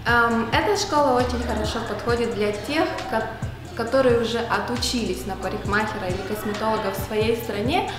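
A woman's voice: fairly high pitch, brisk. Careful woman student over music. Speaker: cosmetology student. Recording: echoey room with music.

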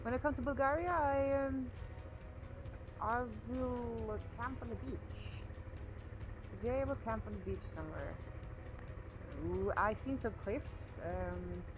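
A woman's voice: fairly high pitch, a little slow, pauses often, background noise. A woman from Sweden, narrating her motorcycle trip as a travel vlogger in a chatty, easygoing way, thinking aloud. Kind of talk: casual vlog narration. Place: outdoors on a road trip. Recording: music playing under the voice. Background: music.

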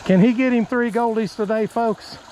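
Encouraging fishing guide by a creek. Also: male voice, extremely high pitch, fairly even intonation, moderate pace, a little mellow, slight background noise, poor audio. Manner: encouraging, gives short repeated instructions. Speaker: fishing bait company host. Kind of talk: outdoor fishing vlog coaching. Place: outdoors by a creek. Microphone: body-worn action camera. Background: running stream water.

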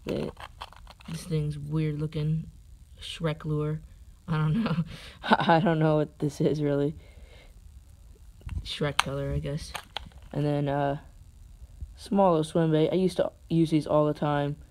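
Recorded on a phone in a carpeted room at home, a man casually shows off his fishing tackle in unscripted show-and-tell, hesitant and rambling with unsure asides. He holds the phone camera over the gear. His voice is a bit high and darkish, level in tone and slow, with clear background noise.

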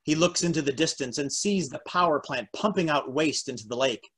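Reading stage directions and trivia, an American man in his forties hosts and narrates a video table read at home. He sounds on the high side, a bit bright and slightly rough, talking fairly quickly. A computer at arm's length records him on a noisy call with clicks.

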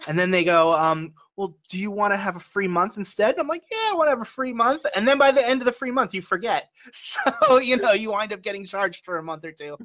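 A man's voice: sits high, expressive, fairly quick, hardly any pauses, bright, forceful tone. A man co-hosting a podcast in casual chat, talking with a headset over a video call, laughing often and acting out quoted lines. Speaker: podcast co-host. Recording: dull lo-fi video call audio.

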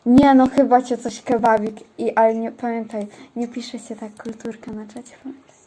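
A woman's voice: on the high side, level tone, normal speed, mellow, slight background noise. A woman streaming a game, chatting casually with her viewers and teammates as she plays. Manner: chatty, talks to chat and teammates. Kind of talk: casual livestream chat while gaming.

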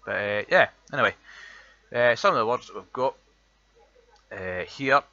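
A man's voice: mid-range voice, lively intonation, normal speed, sharp tone, no echo, dull audio. A man with an Edinburgh Scottish accent, casually chatting and swearing freely as he reads through a word list for an accent tag vlog. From Scotland. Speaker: vlogger.

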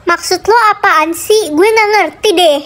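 A woman's voice: extremely high pitch, measured pace, fairly bright tone. A woman voicing a rich, scheming schoolgirl bully who talks in a haughty, taunting way.

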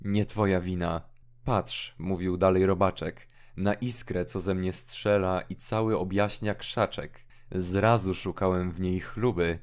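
A man's voice: low voice, steady tone, unhurried, smooth. A man reading an audiobook drama, voicing an anguished young hermit who talks in a mournful, agitated way. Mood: brooding. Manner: mournful, rising into agitated outbursts. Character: anguished young male hermit, feverish and brooding.

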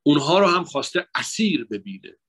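Swinging between forceful declarations and hushed side remarks, a guest lecturer at a religious mourning night gives an emotional, lively talk weaving psychology into sermon. He speaks with a slightly high voice.

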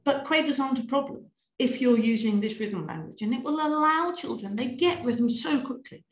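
A British woman leading a piano teachers' webinar, lively and encouraging, singing and chanting rhythms as she demonstrates. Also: high-pitched, moderate pace, roomy sound.

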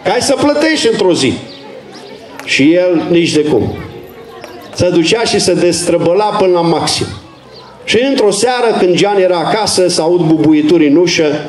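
A male street evangelist preaches an earnest, urgent open-air sermon. His voice sits high. The recording has a noticeable echo.

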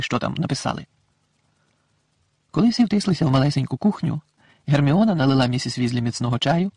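A man narrating an audiobook in an expressive storytelling manner, close to the mic. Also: medium pitch, slightly rough, dry recording.

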